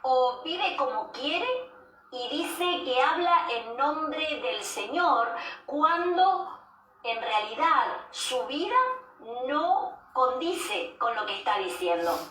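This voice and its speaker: Slow, high-voiced woman preaching. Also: lively intonation, fairly bright tone. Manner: measured, repeats key phrases for emphasis. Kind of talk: devotional sermon. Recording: roomy echo, distant mic, faint background noise.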